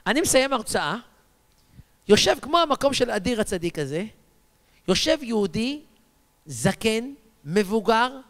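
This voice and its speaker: High, clear-voiced rabbi in a reverberant hall. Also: male voice, long pauses. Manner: animated storyteller, acts out dialogue, asks the audience questions. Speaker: rabbi and lecturer. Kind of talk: storytelling religious lecture. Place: lecture hall before an audience.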